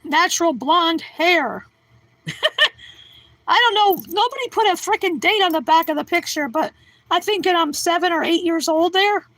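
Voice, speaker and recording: A middle-aged woman with a high voice chats on her livestream, replying to viewers and tossing out silly puns and jokes at her own expense. The sound is dry and close, with no room echo. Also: moderate pace, a bit bright. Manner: goofy, joking, punning, self-deprecating. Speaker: livestream host reading chat. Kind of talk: casual livestream chat.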